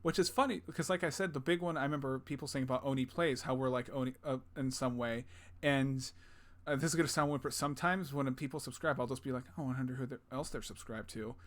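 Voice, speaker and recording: A man's voice: medium pitch, fast. A young man co-hosting a podcast in casual chat, rambling, swearing casually and laughing often. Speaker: podcast co-host.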